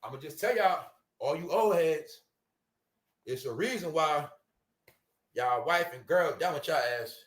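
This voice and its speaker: On a livestream, a Brooklyn host rants with heated profanity, addressing viewers as "y'all" and "bro." His voice is slightly high and animated, unhurried with frequent pauses, with a little hiss or hum in the audio.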